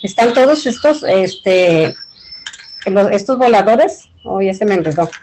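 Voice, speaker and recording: A woman's voice: medium pitch, expressive, measured pace, darkish tone, a little hiss or hum, poor audio. A middle-aged or older woman with a Mexican accent giving an informal cultural presentation in an earnest, rambling, colloquial way. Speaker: invited community leader.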